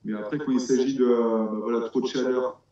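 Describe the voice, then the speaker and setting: A man's voice: mid-range voice, steady tone, fairly quick, mellow. A man from France talks about breeding frogs, hesitant and full of restarts. His voice rings in a very echoey room. The sound is dull and muffled. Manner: hesitant, many restarts, explains step by step. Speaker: amateur frog breeder. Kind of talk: casual conversational interview.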